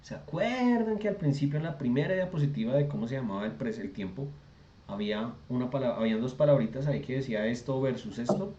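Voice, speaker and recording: A man's voice: mid-range voice, fast talker, dark tone. A man teaching an online English class, explaining grammar step by step and checking often that students follow. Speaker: English tutor. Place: virtual classroom session. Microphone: video call. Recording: echoey lo-fi video call audio.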